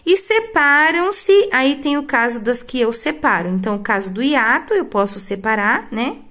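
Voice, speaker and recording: A middle-aged Brazilian woman teaches a recorded remote lesson in a fairly high voice. She draws each example word out slowly and checks in with her students, addressing them with fond, familiar terms. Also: animated, a bit bright. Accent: Brazilian Portuguese. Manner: affectionate, drawn-out example words with frequent "tá?" check-ins. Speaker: school Portuguese teacher.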